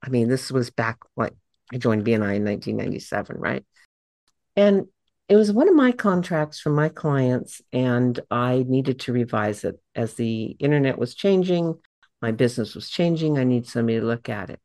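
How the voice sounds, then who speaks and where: Middle-aged woman podcast host: low voice, animated delivery, acts out the voices she quotes. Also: normal speed, dry recording, studio quality. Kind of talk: conversational podcast interview.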